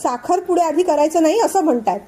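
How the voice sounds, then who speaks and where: A woman's voice: very high voice, lively intonation, quick pace, warm tone. A woman voicing an irritable young man in a storybook reading, snapping short angry questions. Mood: irritated.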